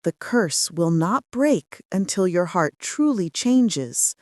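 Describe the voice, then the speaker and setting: A wise old village woman speaks slowly and gravely in a lowered voice, as a female narrator puts her on. She sounds gentle but stern, an elder from a storybook. The recording is dry and close. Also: very animated, dry recording. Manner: slow, solemn, lowered voice.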